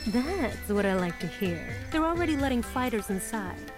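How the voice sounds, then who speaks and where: An actress playing a poised, sly businesswoman in a video game, commanding and teasing, with deliberate phrasing. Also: on the high side, sing-song, music in the background. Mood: sly, assured. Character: poised, sly businesswoman running a massage parlour. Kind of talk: video game drama acting.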